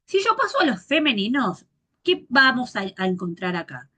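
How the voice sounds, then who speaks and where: A woman teacher gives a grammar lecture, patiently repeating forms slowly and spelling out endings. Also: on the high side, sing-song, sharp tone, breathy edge.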